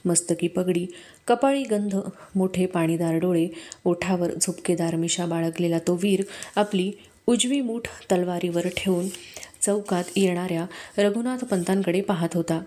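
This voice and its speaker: Mellow-voiced woman reading a novel. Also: on the low side, unhurried. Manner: steady storytelling. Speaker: audiobook reader. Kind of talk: scripted narration of a historical novel.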